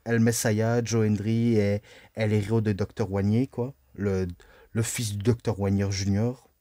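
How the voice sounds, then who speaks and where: A man talks slowly through a casual review monologue, hesitant and full of fillers, stopping to correct himself and apologize. His voice is mellow and dark. The sound is dry and close. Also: medium pitch, no room sound. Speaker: wrestling show reviewer.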